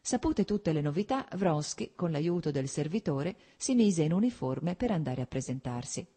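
A woman reads a classic novel aloud in measured audiobook narration. Her voice sits low and sounds warm and mellow, and she keeps an even pace. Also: slightly rough. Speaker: audiobook reader.

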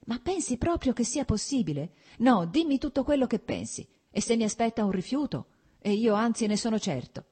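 A woman's voice: on the low side, animated, moderate pace, dark tone, husky. A woman voicing an earnest, agitated young nobleman in love, in a pleading, urgent voice.

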